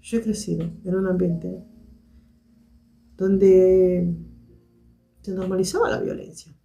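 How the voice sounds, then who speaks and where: A woman hosting a live stream, speaking to her viewers in a measured, reflective way and repeating her key points. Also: fairly low pitch, flat delivery, creaky, mellow, muffled recording, faint music behind.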